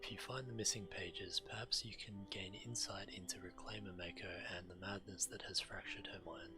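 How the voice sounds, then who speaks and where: A game streamer with a low, steady voice speaks briskly, reading quest text aloud and commenting while he plays. Video game music plays behind him.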